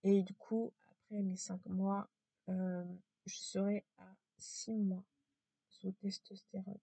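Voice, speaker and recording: A woman talking to camera in a casual vlog with a low, strained voice, hesitant and repetitive, full of fillers and restarts. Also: level tone, takes it slowly, warm tone, no room sound. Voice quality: low, gravelly voice.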